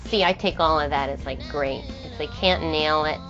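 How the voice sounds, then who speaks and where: A woman singer-songwriter with a low-pitched voice talks casually in an interview, circling back and restarting her thoughts as she goes. The sound is muffled and lo-fi, with guitar music playing clearly underneath. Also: normal speed. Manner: rambling, frequent restarts and trailing thoughts. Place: in New York.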